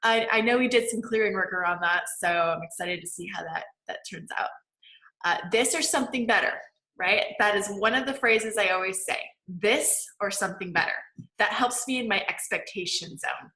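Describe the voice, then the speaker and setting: A woman in her forties teaching a live class as a manifesting coach, chatty, laughing often and acting out quotes with big jumps in pitch. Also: moderate pace, pushed and bright, echoey room, low-quality recording. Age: 40s. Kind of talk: live-streamed class talk.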